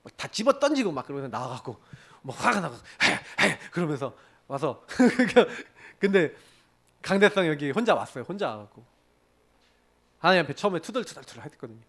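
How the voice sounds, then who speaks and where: A man's voice: on the high side, brisk. A man preaching a sermon as pastor, telling stories and acting out prayers and complaints in quoted voices. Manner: animated storytelling preacher, acts out quoted prayers and arguments.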